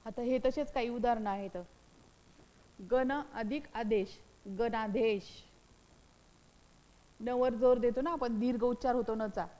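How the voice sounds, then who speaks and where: A woman's voice: a little high, fairly even intonation, normal speed, mellow, in a large hall, low-quality recording. A woman teaching a grammar lesson, repeating each point and asking questions that she answers herself. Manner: repetitive, asks and answers own questions.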